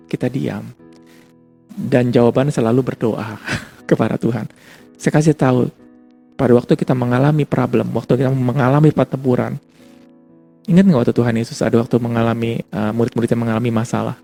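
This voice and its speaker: A man's voice: mid-range voice, fairly even intonation, a little fast, vocal fry, mellow, faint music behind. A male pastor giving a casual, conversational sermon, repeating his points for emphasis. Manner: casual conversational preaching with repetition.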